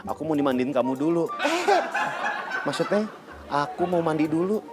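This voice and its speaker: A man's voice: on the high side, sing-song, moderate pace. An actor playing a sleepy, playful young man who teases. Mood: teasing. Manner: sleepy, drawling, playful teasing.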